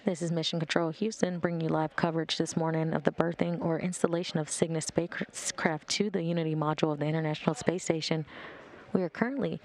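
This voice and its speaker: Higher-pitched male spaceflight commentator. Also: level tone, fast talker. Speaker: mission control commentator.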